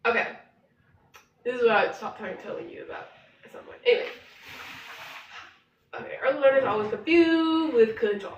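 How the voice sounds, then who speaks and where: A woman's voice: on the high side, animated, a little fast, long pauses. A woman co-hosting a casual live study session, reading her notes aloud and laughing off her slips. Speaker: co-host studying Korean. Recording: roomy, distant, dull and slightly noisy.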